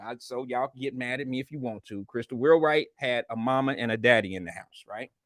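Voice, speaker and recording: A man's voice: medium pitch, a little fast, fairly bright tone, dry recording, clean studio sound. A man hosting a casual live show, chatting with viewers in blunt, slangy, profane talk while wearing a retainer in his mouth. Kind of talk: casual livestream chat reading viewer comments.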